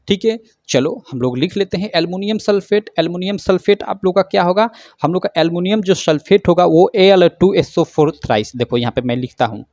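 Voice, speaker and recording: The audio is dull and dry, with no room sound, carrying a man's slightly high, slightly mellow voice. Explaining science at a whiteboard one step at a time, he keeps questioning himself and supplying the answers, often saying "theek hai."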